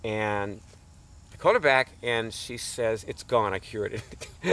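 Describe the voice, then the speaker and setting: This fairly low, fairly bright male voice moves at a measured pace. The middle-aged speaker, a nonprofit founder who teaches alternative healing, tells a meandering story in a relaxed lecture, laughing frequently and stumbling through fillers and false starts.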